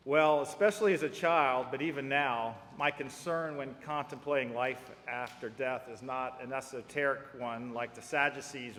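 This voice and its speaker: A man's voice: medium pitch, fairly bright tone. Man preaching in a reverberant church. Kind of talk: sermon. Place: church sanctuary. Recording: church with long reverb and faint noise.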